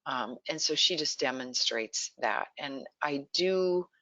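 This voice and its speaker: Bright-voiced woman explaining letter sounds. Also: extremely low pitch, expressive, takes it slowly, no room sound. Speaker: early literacy educator. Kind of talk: webinar presentation. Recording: dull, slightly lo-fi audio.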